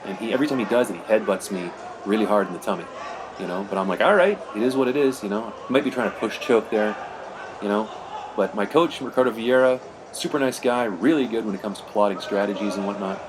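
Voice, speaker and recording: Background noise sits under this lowish male voice as a middle-aged man offers loose, chatty commentary on footage of his own match. "You know" crops up again and again.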